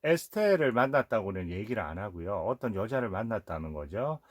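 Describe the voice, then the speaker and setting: Lively man retelling a film. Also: lowish voice, fairly quick, no room sound, studio quality. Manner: retells scenes, acting out characters' lines in quotes. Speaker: film reviewer host. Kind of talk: casual film commentary.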